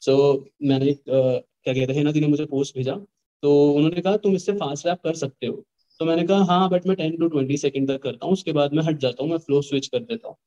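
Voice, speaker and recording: A man's voice: fairly high pitch, steady tone, fairly quick, warm tone, dull audio. A young man, a rapper, talking earnestly and at length in a casual interview, mixing in English phrases. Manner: earnest, rambling, mixes Hindi and English. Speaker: rapper guest.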